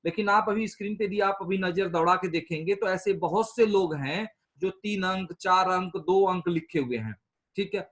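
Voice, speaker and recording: A man's voice: high-pitched, normal speed, fairly bright tone. A man leading an online staff training meeting, explaining patiently and repeating points for everyone. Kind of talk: instructing over a call.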